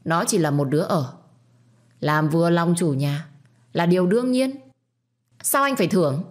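A woman voicing a spoiled, bratty seventeen-year-old girl who scolds and whines in a sharp tone. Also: on the low side, animated, normal speed, lightly acted. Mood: whiny.

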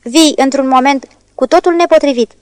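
A stern, contemptuous older lawyer from a storybook, curt and condescending, as a woman reader puts him on. The voice is high and the sound dry and close. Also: no echo, lightly acted.

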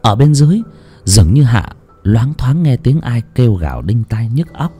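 A man narrating a horror story in a dramatic, expressive reading. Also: mid-range voice, moderate pace, breathy edge. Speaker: audiobook narrator. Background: soft music.

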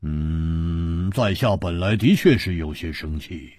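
A man's voice: low-pitched, huge pitch swings, unhurried, warm tone, husky, no room sound, studio quality, pitched below the performer's own voice, heavily acted. A male storyteller voicing a bold, easygoing young male hero who stammers and hesitates before blustering. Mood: hearty.

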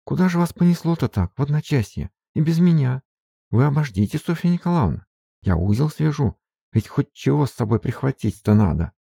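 A tearful peasant maid in her middle years, wailing in folksy, rustic speech with a high-pitched voice put on by a man with a husky, gravelly voice. Her lines come out loud and close in a dry storybook reading. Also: sing-song, fairly quick, no echo, full character voice.

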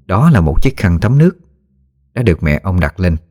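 A man reads a ghost story aloud in a measured, somber voice. His voice is very low and deep, and he keeps a steady storytelling pace. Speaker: narrator. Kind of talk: scripted horror story narration.

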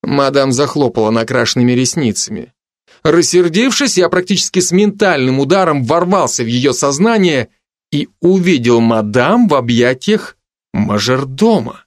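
A man narrating a first-person fantasy audiobook in a measured way, turning stern for commands. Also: medium pitch, lively intonation, no echo, studio quality.

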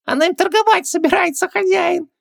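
A man voicing a servile male genie in an audiobook, with a squeaky, fawning voice. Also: fairly quick, vocal fry, fairly bright tone, dry recording, clean studio sound, full character voice.

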